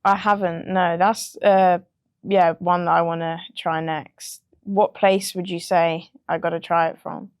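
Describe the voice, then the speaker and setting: Speaking a little slowly in a fairly low pitch, a young British music producer is interviewed in a relaxed, chatty manner, often saying um and laughing. The sound is clean studio audio without echo.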